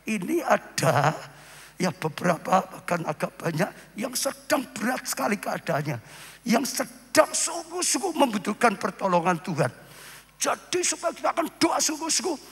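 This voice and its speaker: High, bright-voiced preacher shouting in a hall. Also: male voice, vocal fry, slightly rough. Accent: Indonesian. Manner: dramatic, swings from hushed to shouting. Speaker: pastor. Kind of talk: sermon. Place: church hall. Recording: live stream in a reverberant hall.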